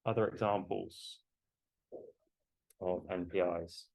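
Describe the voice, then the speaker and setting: A man lecturing to a class through a face mask while he has a cold, explaining in a halting way and putting questions to students. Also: low voice, steady tone, creaky, a little mellow.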